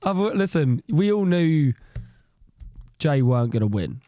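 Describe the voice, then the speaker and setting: A man co-hosting a podcast in casual chat, excitable and laughing often as he acts out reactions. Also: on the high side, takes it slowly, no echo. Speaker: podcast co-host.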